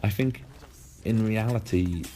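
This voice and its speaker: A man with a slightly hoarse voice giving an analytical video game preview commentary as a voice-over. He talks with frequent ums and restarts. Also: lowish voice, a little slow, dark tone, faint music behind.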